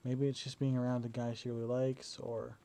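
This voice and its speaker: This is a casual video diary from a young man lying down at home, recorded on a battery-powered camera. His mid-range voice runs a little fast, and his relaxed delivery is hesitant, packed with fillers and false starts.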